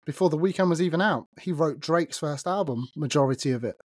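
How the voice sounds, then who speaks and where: A man with an East Midlands English accent, hosting a casual podcast conversation, chatty and quick to laugh, often repeating his words. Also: a little high, no echo, studio quality. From England. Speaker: podcast host.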